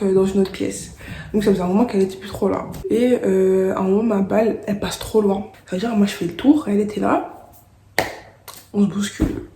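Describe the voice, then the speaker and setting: A young woman telling a storytime vlog in slangy, animated chat, dropping into whispered asides. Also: mid-range voice. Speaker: vlogger. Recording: roomy echo.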